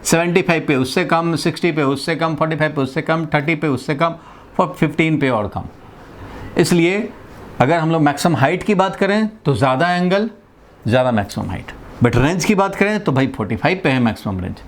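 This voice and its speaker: Here an Indian physics teacher lectures his class in a fairly high, expressive voice at a slightly quick pace. He takes the lesson one step at a time, repeats the important phrases, and keeps checking on his students.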